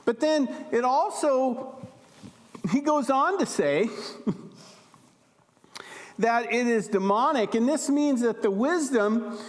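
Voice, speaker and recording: High-voiced man preaching unhurriedly in a church. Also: expressive, takes it slowly, long pauses. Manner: conversational teaching, checks in with the congregation. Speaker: pastor. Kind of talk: sermon. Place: church sanctuary. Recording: reverberant church hall.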